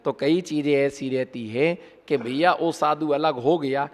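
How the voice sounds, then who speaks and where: A man's voice: fairly high pitch, measured pace. A man, a Jain monk, giving a conversational sermon full of rhetorical questions to his listeners. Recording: long hall reverb.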